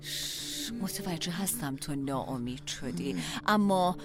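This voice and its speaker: An actress playing a caring wife in a dubbed film, gently soothing a distressed man. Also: lowish voice, animated, natural voice. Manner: soothing and motherly, then firm. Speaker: wife caring for her husband. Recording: loud film score behind the voice.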